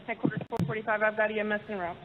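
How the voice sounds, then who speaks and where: A male dispatcher talks over a walkie talkie in quick, clipped radio shorthand. His voice sits high and flat, rushed along. The radio line is thin, with clear static and clicking behind it. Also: phone-quality sound. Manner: clipped radio procedure talk. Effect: police radio transmission, over walkie talkie.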